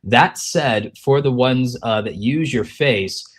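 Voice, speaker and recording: A man hosting a casual livestream of reviews and advice, speaking in a halting way with frequent pauses. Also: mid-range voice. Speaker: livestream host reviewing channels. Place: on site at a conference, away from usual setup.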